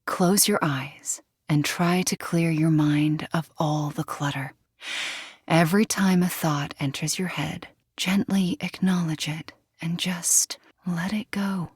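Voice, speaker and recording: A powerful young witch superheroine from a video game, haunted by guilt and guarded yet tender. Her voice is on the low side, breathy and husky, with measured, intimate phrasing that often sinks toward a whisper. The sound is close and very dry. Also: steady tone, no room sound, heavily acted. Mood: hushed, calm. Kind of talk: video game character voice lines.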